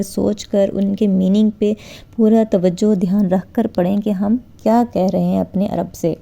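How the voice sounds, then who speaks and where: A woman giving an earnest religious lecture on prayer, exhorting her listeners and slowing down to model careful recitation. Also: medium pitch, gravelly, mellow. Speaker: Islamic preacher. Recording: dull lo-fi recording.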